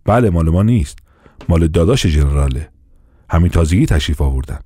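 A man's voice: sits low, lively intonation, dark tone, slightly rough, no room sound, studio quality. A man voicing a plain-spoken old cook in an audiobook, matter-of-fact.

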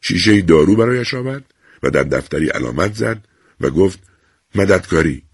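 A man narrates a story with a lively, rising and falling delivery. His voice is husky and gravelly. The sound is dry and close. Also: sits low, no room sound. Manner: expressive, measured narration. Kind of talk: storytelling reading.

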